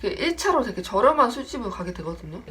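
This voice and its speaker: A woman's voice: fairly high pitch, fast. A young woman in her twenties telling a casual story about a friend, acting out the lines in different voices. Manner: animated, acts out the quoted lines in voices. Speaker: storytelling vlogger.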